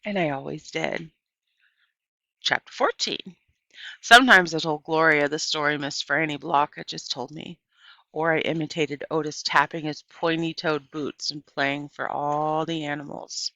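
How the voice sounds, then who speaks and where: A woman reads a story aloud like an audiobook narrator, animated and unhurried. Her voice is low, bright, and forward, and the recording is dry and a little dull.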